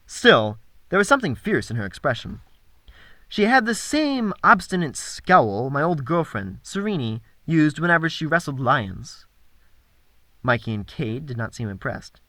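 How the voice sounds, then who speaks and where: A man reading a first-person audiobook in an expressive, wry way. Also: fairly high pitch, unhurried, no room sound. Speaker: audiobook narrator.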